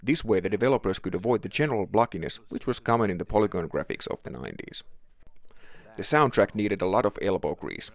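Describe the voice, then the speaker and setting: A man's voice: on the low side, lively intonation, fast. A man with a Finnish accent reading a scripted video essay narration as the host of a game review show.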